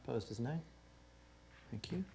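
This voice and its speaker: A man chairing a council meeting with measured, orderly, formal procedure. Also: medium pitch, lively intonation, vocal fry, mellow. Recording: noisy room ambience.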